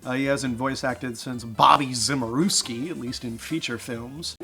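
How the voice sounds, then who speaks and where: A young man hosting a reaction video with excitable, sarcastic, laughing commentary. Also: medium pitch, normal speed, vocal fry, faint music behind. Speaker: video host.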